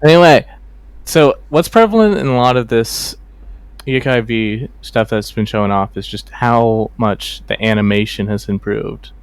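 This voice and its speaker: A man's voice: medium pitch, normal speed, clean tone, dry recording. A man calling into a livestream Q&A, asking a carefully framed question. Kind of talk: livestream Q&A call-in.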